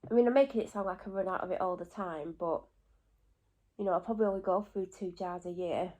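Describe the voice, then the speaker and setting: Her voice runs low and mellow, though a cold has left it stuffy and congested. At home, this vlogger chats casually about her morning, wandering off into quick asides and fixing her own words as she goes.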